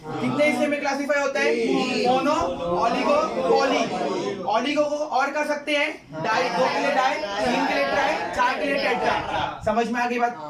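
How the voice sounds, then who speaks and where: A man's voice: very high-pitched, little pitch movement, normal speed. A male chemistry teacher lecturing a class, repeating points and quizzing students with questions. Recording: echoey classroom, distant mic, student chatter.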